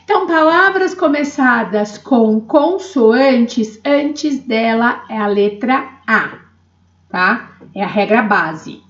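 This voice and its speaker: Woman, English lesson, slow steady delivery, roomy muffled sound. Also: fairly high pitch. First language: Portuguese. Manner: patient, checks in with "tá?" and acts out student questions. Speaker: English teacher. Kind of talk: classroom-style lesson.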